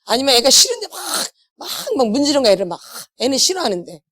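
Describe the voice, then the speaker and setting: A woman's voice: high voice, sing-song, fast talker, a bit bright, no echo. A middle-aged woman, a pastor's wife, giving a church healing lecture, asking her listeners questions and repeating the key words back to them. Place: church hall.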